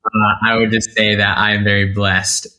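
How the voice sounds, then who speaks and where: A North Carolina man, a content creator appearing as an interview guest, talks about himself reflectively in casual interview style, full of fillers and restarts. His voice is lowish and sharp in tone, delivered completely flat at a normal speed. There's slight background noise.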